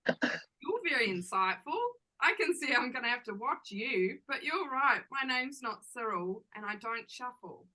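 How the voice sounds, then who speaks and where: A woman's voice: a little high, animated, unhurried, bright, forceful tone, exaggerated voice, rough recording. [name], a woman playing a brash Kiwi barmaid. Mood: sardonic. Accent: New Zealand with Australian twang. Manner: blunt, sarcastic, slangy banter. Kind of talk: amateur audio drama.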